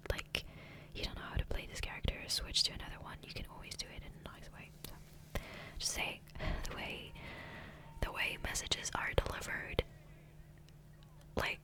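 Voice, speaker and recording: This is a gentle, close-miked ASMR ramble from a woman who creates gaming videos. She speaks in a soft whisper with no voice behind it, easygoing and slow, into a nearby USB condenser microphone.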